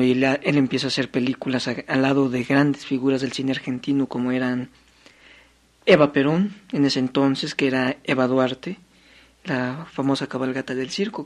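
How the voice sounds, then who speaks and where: A man, a music historian on a radio program, telling stories in a conversational way with frequent tag questions. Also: mid-range voice. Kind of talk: casual radio chat.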